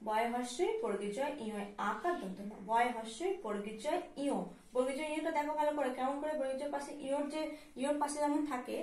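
A woman teaching a primary school class in Bengali, with a West Bengal accent. She talks slowly and patiently, spelling each word out letter by letter and often asking the children if they follow. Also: sits high, darkish tone. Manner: slow, patient, spelling words out letter by letter and often checking "all right?". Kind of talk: recorded class lesson. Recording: echoey room, voice from a distance.

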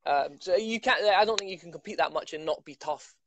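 A young man, an MMA fighter answering quick questions on a video call, chatty and self-mocking with many restarts. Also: high-pitched, vocal fry, fairly bright tone. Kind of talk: casual video-call interview. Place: living room at home.

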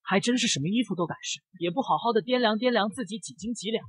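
A man voicing a spoiled, sharp-tongued rich young woman who sneers and snaps at everyone. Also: wildly swooping pitch, racing, breathy edge, dry recording, full character voice. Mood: sneering. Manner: sneering, shrill, haughty.

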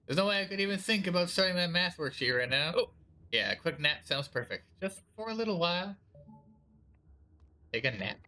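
A man's voice: high voice, sing-song, fairly quick, long pauses, sharp tone, voice pushed up, full character voice. A man voicing a caring, weary teenage girl who is an older sister, reading game dialogue aloud in a fond, chatty way. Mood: tired.

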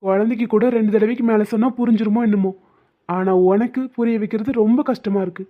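A woman's voice: medium pitch, fairly even intonation, fast, close to an everyday voice. A woman voicing a young husband in a cartoon, doting and teasing, coaxing with playful scolding. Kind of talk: cartoon dubbing. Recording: tinny phone-like sound.

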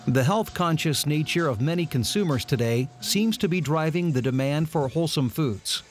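A man reading scripted narration in a polished, even delivery. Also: fairly high pitch, moderate pace.

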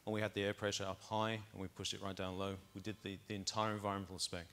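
A middle-aged keynote speaker on a conference stage walks the audience step by step through test data, speaking into a lapel mic. His voice sits on the low side and is a bit bright, delivered fast with little pitch movement.

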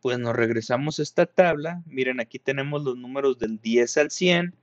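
A man's voice: mid-range voice, moderate pace, no echo, lo-fi sound. A male teacher, patiently explaining a math lesson to young pupils, often checking if they follow. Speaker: primary school teacher. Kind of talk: recorded math lesson for children.

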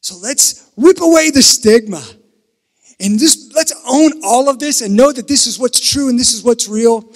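A man from Kentucky preaching a sermon at a pulpit microphone, earnest, shifting between emphatic and hushed. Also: very high voice, normal speed. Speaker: pastor. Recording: reverberant sanctuary, pulpit mic.

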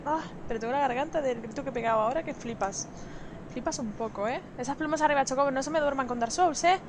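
A young woman with an accent from Spain, commentating her gameplay live and breaking into loud shrieks when startled. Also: high voice, fast talker, background noise. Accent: Spain Spanish. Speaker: game streamer.

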